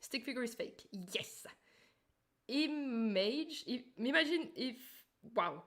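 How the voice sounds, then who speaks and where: A woman's voice: fairly high pitch, expressive, takes it slowly, a bit bright. A woman with a Turkish accent chatting informally to her viewers on a livestream as a streamer and animator. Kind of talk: casual livestream chat and explanation.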